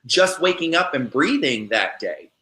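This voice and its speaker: A man's voice: fairly high pitch, big pitch swings, unhurried, sharp tone, slight background noise. A male host making thoughtful, emphatic points in a casual panel chat. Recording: roomy echo.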